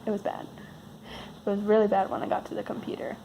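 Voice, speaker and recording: A woman's voice: medium pitch, completely flat delivery, fast, creaky, dark tone, slight background noise, low-quality recording. A woman vlogger who sounds sick and losing her voice, telling a casual, rambling personal story with wry, self-deprecating understatement.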